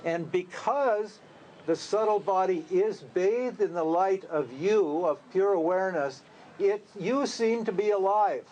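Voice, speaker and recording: A man with a fairly high voice teaches a group in a loose, conversational way. He asks rhetorical questions and now and then laughs at his own lines. A faint hiss of noise sits under his voice. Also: measured pace, a little mellow. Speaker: spiritual teacher. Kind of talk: informal spiritual talk to a group.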